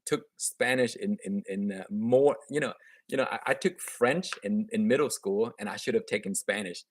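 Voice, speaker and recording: Speaking at a moderate pace in a lowish voice with no echo, this gardening channel host is a man in his thirties whose native language is Vietnamese, giving him a slight accent. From a room at home, he streams live into a webcam, cheerfully chatting through viewer comments and frequently starting over mid-sentence.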